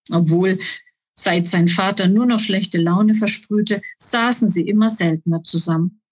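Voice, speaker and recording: A woman reads her children's book aloud in a calm, even storytelling voice. Her voice has a soft, breathy edge. She is recorded close up in a dry room. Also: mid-range voice, dry recording. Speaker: author reading her book.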